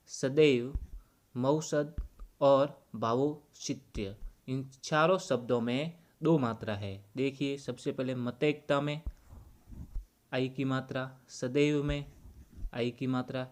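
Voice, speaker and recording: Male teacher explaining grammar at a measured, slow pace, deliberate and repetitive. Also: medium pitch, fairly even intonation. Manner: slow and deliberate, repeating key points.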